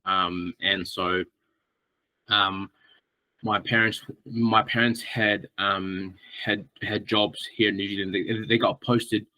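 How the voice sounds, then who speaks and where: A man in his thirties from Samoa, talking with a bright, lowish voice. He is easygoing and friendly, with plenty of "um"s and restarts, and the sound is dry and close. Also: takes it slowly, no echo, rough recording. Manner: friendly, relaxed, many fillers and restarts. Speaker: guest, strength coach. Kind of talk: casual podcast interview.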